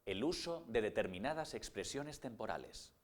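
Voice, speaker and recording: A man reads a scripted grammar lesson and walks through each rule step by step. His voice moves a lot in pitch and rises and falls as he teaches. He slows down for the example words and spells some of them out. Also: sing-song. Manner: explains rules step by step, with slow spelled-out English example words.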